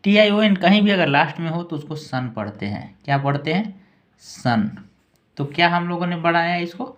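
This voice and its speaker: A man with a slightly high voice runs a patient language lesson. He breaks each word into letters and sounds, going slowly, and keeps checking in with a quick "okay" as he goes. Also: expressive, highs cut off. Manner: spells words out slowly letter by letter, many "thik hai" checks. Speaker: English teacher, channel host.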